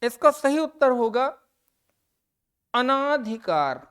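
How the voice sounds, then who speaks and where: A woman teacher walks students through an exam-prep grammar lesson, reading each question and its options. Her voice is smooth and clear, pitched a little high, and she goes slowly and deliberately, repeating every answer word to stress it. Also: big pitch swings.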